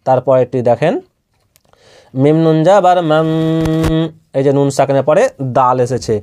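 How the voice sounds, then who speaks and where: A man's voice: mid-range voice, moderate pace, a little mellow, slight background noise. A man teaching Quran letter reading in a patient recitation lesson, asking questions and answering them himself, with a Bangladeshi Bengali accent. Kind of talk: slow spelled-out recitation lesson.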